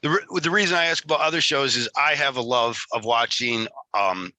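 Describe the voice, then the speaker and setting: A man's voice: mid-range voice, fairly quick, sharp tone, dry recording. A man with a Michigan Great Lakes accent hosting a casual interview in a rambling, self-deprecating way. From Michigan, United States. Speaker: interview host.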